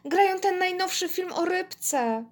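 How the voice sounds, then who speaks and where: A woman's voice: extremely high pitch, animated, voice pushed up. A woman voicing a cheeky, defiant little girl who answers back. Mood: coaxing. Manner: pert, quick retorts.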